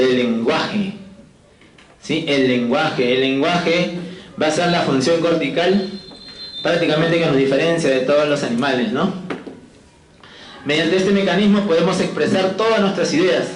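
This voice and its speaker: A man giving a physiology lecture in a fairly high voice, checking in with his students constantly and cracking jokes to keep them awake. The sound is roomy, with the echo of a classroom around him. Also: normal speed, long pauses, a little hiss or hum. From Peru. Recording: echoey classroom.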